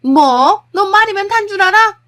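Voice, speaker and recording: A shrill, high older mother-in-law, as a woman storyteller puts her on, drawing out her pleas and then shrieking her reproaches. She scolds loudly and without letup, in a storytelling voice. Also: lively intonation, moderate pace. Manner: pleading, then screaming and scolding. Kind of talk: storytelling with acted dialogue.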